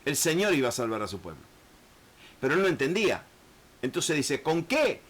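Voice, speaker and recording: A man teaching a Bible lesson in an earnest, halting way, often restarting words and acting out the people in the text. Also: fairly high pitch, sing-song, fairly bright tone, husky. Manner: earnest, repetitive, many hesitations and restarts; acts out biblical speakers in shifting voices.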